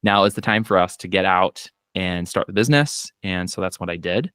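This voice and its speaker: Joining a casual podcast by video call from his home office, a Minnesotan accountant and business owner speaks fairly quickly in a low voice with a clean tone. His storytelling is easygoing, filled with fillers and quoted asides. The recording is dry and studio-clean.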